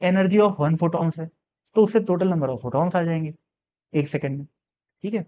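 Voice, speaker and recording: Step by step, a man takes on a physics exam problem, reading the question slowly and then explaining it casually while asking and answering his own questions. His voice is a little high, and the sound is phone quality.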